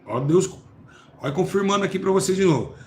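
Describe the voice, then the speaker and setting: A man preaching a sermon, swinging between loud emphatic bursts and soft low asides while questioning his listeners. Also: lively intonation, a little fast. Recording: echoey room with faint ambient noise.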